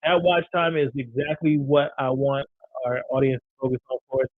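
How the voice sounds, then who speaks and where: A man co-hosts a casual live podcast with a playful, upbeat manner. He reads out discussion points and pitches the channel. The sound is dry and narrow, like a phone line. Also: steady tone, normal speed, no room sound. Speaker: podcast co-host.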